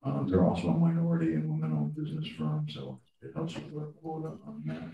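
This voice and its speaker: A man giving a project update to a board committee, with many ums and pauses, recorded in a conference room from a distant camera. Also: creaky, muffled recording. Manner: halting, many ums, animated pitch swings. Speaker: staff member reporting to a board committee. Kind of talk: meeting update. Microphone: far room camera. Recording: very echoey room, distant mic, faint noise.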